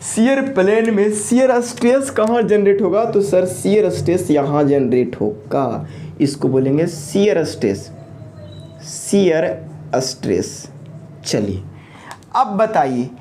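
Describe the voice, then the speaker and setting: A woman giving an engineering lecture, posing questions to the class and answering them herself, repeating key terms slowly. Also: on the low side, animated, dark tone, slight background noise.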